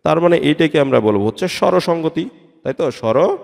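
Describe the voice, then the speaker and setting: A man teaching an exam-prep grammar lesson, explaining slowly and spelling out sounds letter by letter, repeating terms and checking with "right?". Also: a little high, animated, creaky, darkish tone. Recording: long hall reverb.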